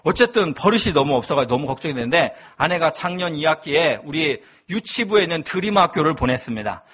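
Guy pastor preaching, high voice, tells stories with lots of jokes and energy. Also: fast talker, slightly rough. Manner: animated, humorous storytelling. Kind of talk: sermon with personal story.

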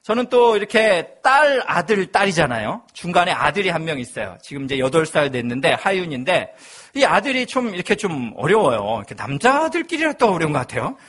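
A man's voice: fairly high pitch, sing-song, fairly quick, fairly bright tone. A male pastor in his thirties, preaching a sermon with humorous personal storytelling.

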